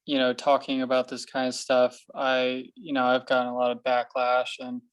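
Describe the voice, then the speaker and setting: A man who is an artist, speaking thoughtfully in a casual group discussion, halting with frequent ums. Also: mid-range voice, monotone, smooth, no room sound, poor audio. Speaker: artist guest.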